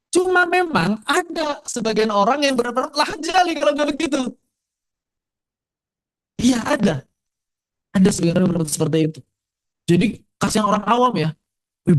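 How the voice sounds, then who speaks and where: Lively high-voiced Indonesian Quran teacher. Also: male voice. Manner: lively, asks the audience questions; slows right down to demonstrate recitation. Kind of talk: casual lecture to a live and online class.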